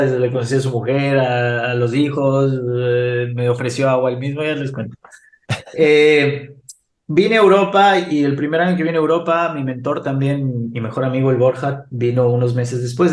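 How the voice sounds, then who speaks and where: A man with an Ecuadorian accent, a podcast guest telling a lively anecdote in casual conversation, laughing often. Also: mid-range voice, normal speed, echoey room. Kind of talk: casual storytelling interview.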